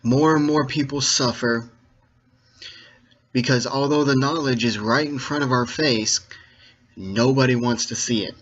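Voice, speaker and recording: A man giving an informal, didactic monologue to viewers, speaking in deliberate, halting phrases with emphatic stresses and checking that listeners follow. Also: mid-range voice, fairly bright tone, husky. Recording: dull, lo-fi sound.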